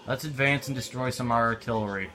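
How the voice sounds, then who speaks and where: A man's voice: mid-range voice, fairly quick, pushed and bright. A young man giving casual, offhand commentary while playing a war video game. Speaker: gameplay commentator. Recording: noisy game audio behind.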